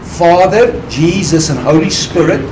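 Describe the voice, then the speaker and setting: A middle-aged man from South Africa, a missionary guest explaining scripture earnestly in a podcast interview. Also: on the high side. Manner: earnest, quotes scripture, quick bursts. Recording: roomy, distant mic with faint noise.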